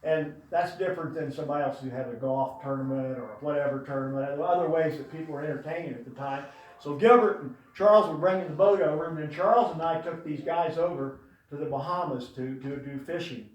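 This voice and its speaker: With a fairly high, fairly quick voice, an older man speaks at a memorial, telling rambling, affectionate stories about his late brother with lots of fillers. He addresses an audience in a large room. The recording is very echoey, and his voice comes from far away.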